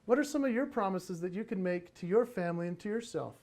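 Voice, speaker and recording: High-voiced animated male speaker. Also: fast talker. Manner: animated and playful, acts out voices. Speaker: keynote speaker on parenting. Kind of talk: motivational conference talk.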